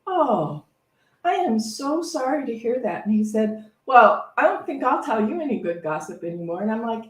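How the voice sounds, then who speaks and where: Now fairly high and very animated at normal speed, the woman reverend speaks conversationally and without a script, inspiring through reflection and anecdote. She repeats phrases while feeling her way along. Slight background noise joins the echo of a room recorded from a distant microphone.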